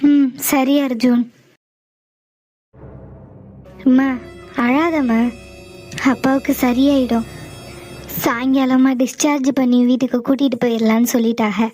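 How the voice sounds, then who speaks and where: A woman voicing a caring young village sister, high and mellow. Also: fairly even intonation, moderate pace, soft background music, natural voice. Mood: comforting. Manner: gentle and caring, polite. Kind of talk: animated cartoon voice acting.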